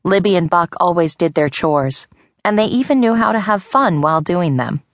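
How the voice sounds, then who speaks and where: A woman narrating a children's audiobook in a lively, expressive storytelling manner. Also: lowish voice, normal speed, no room sound, studio quality. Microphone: close studio mic.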